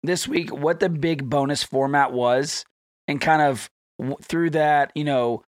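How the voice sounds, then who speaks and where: A man's voice: on the high side, steady tone, unhurried, dry recording, studio quality. A man hosting a casual podcast while sick, his voice strained, chatting in a rambling way with fillers. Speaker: podcast host.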